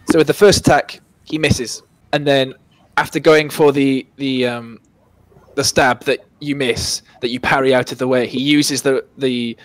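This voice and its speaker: A man working as game master, improvising tabletop game narration in a halting, thinking-aloud way. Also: mid-range voice, dry recording.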